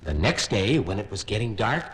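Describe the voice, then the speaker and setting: A man narrating a fairy tale on a vintage children's record in an expressive storytelling voice. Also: lowish voice, normal speed, rough recording.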